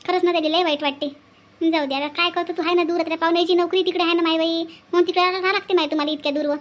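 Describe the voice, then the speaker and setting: Woman playing older village woman, scolding, repeats advice, rapid. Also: very high voice, steady tone, dull audio. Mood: fond grumbling. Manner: scolding, repetitive advice-giving. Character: older village woman, bossy, lecturing elder.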